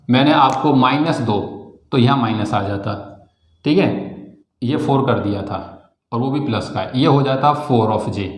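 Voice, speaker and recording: A man with an Indian accent teaching a physics class, explaining step by step, calling students "beta" and slowing down to dictate definitions. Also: mid-range voice, reverberant. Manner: slow, spelled-out dictation of definitions. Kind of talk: classroom lecture.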